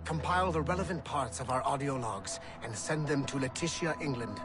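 A man's voice: mid-range voice, brisk, over music, close to an everyday voice. An actor playing a cold, menacing male commander of an assassin-hunting team in a video game. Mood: commanding.

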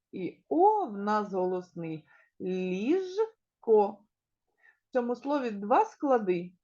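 Slow, lively-voiced woman teaching young children. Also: medium pitch, lo-fi sound. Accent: Ukrainian. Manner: slow, clearly articulated, stretches key words; addresses children directly and asks them questions. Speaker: kindergarten teacher. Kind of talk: recorded preschool literacy lesson.

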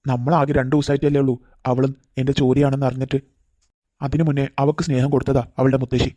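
Man doing a fiery, fast-talking cartoon grandfather. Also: medium pitch, mellow, no room sound, lightly acted. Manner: firm, emotional. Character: protective grandfather, fiery yet loving. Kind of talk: cartoon voice acting.

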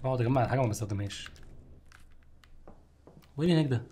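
A young man with an Egyptian Arabic accent giving casual, jokey commentary while he streams a game, with loud outbursts at scares. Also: mid-range voice, rapid-fire, slight background noise. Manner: jokey, exclaims loudly at scares.

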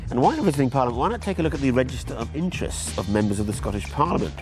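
A man's voice: medium pitch, animated, rapid-fire, music in the background. A middle-aged man presenting a TV documentary outdoors, talking to camera with wry, jokey asides. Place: outdoors by a brick building, sitting with a laptop.

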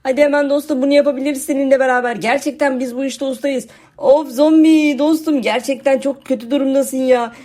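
A woman giving cheery, excited commentary on a video game for her channel, urging her character on and talking to viewers as friends. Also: sits high, brisk. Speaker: gaming channel host.

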